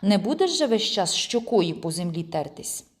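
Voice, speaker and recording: A woman reading a children's audiobook aloud in an expressive first-person storytelling manner. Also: medium pitch, moderate pace. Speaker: audiobook reader. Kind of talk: storytelling narration.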